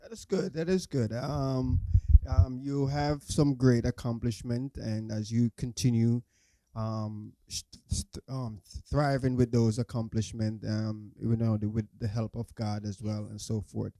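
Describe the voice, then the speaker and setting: A man's voice: mid-range voice, level tone, a little slow, warm tone, no echo. A man hosting a podcast interview, speaking hesitantly with many fillers and restarts. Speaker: podcast host. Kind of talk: casual interview.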